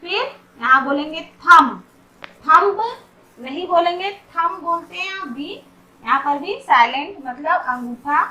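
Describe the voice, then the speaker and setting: Slow, bright-voiced woman teaching pronunciation. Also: high-pitched, echoey room, far from the mic, low-quality recording. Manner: says each word slowly, then gives its meaning. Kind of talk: slow explanatory lesson.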